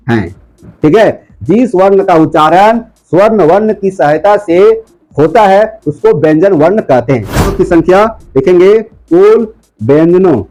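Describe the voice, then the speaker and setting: A high-pitched male teacher walks his viewers through a grammar lesson. He keeps asking questions and answering them himself, and he drags out words when dictating. Soft music plays faintly underneath. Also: muffled recording. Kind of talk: classroom lesson.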